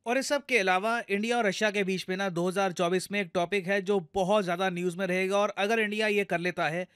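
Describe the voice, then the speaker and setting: Explanatory news commentary comes from a video host with an Indian accent who speaks directly to viewers and moves step by step. His high voice is smooth, fairly bright, and fairly even, a little fast, captured in a dry, studio-quality recording.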